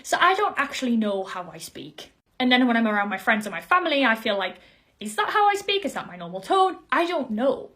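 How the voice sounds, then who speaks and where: A young woman with a Geordie accent, toned down but still there, talks earnestly to camera in a casual vlog. Her voice sits at a middle pitch for a woman, and she explains things in a steady flow broken by quick asides. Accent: Geordie, softened. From Northeast England. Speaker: vlogger.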